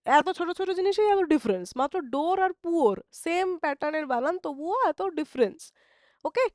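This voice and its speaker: A woman with a Bengali accent teaching English vocabulary in a live online exam-prep class. She explains in Bengali, often checks "ঠিক আছে?", and reads English definitions slowly. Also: high-pitched, a little mellow, dry recording, studio quality.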